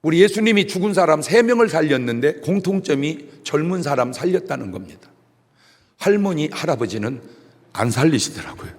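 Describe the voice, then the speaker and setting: A middle-aged man pastor giving a humorous sermon, telling stories and acting out shouted voices. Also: mid-range voice. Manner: animated storytelling with jokes and shouted imitations. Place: church sanctuary. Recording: long reverb of a church hall.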